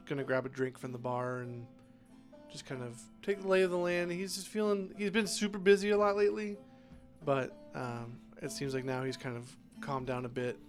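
A man's voice: mid-range voice, fairly even intonation, normal speed. Male tabletop player chatting over music. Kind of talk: casual improvised game chat.

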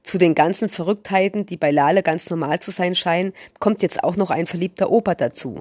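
A woman reading a children's story aloud in a calm, even storyteller manner, close to the mic. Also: fairly low pitch, fairly quick, no room sound.

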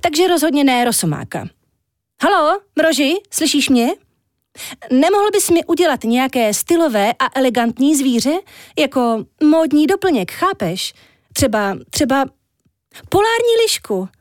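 A woman reading a children's story, voicing a vain, chatty young woman with a high, flighty voice. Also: sing-song, dry recording, studio quality. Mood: demanding.

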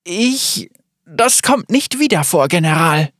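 A man's voice: high-pitched, animated, measured pace, fairly bright tone, slightly rough, voice pushed up, full character voice. A man voicing an earnest, shaken young woman soldier in a storybook reading, pleading and strained. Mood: upset.

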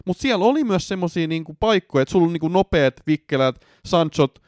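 A man argues in a heated podcast debate, his pitch climbing sharply as he pushes back and dropping low on his trailing fillers. He swears freely and keeps a loose, conversational flow. The recording is dry and close. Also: no echo. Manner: animated, swearing, frequent "tiiäks" fillers, pitch jumping up when arguing. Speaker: podcast co-host.

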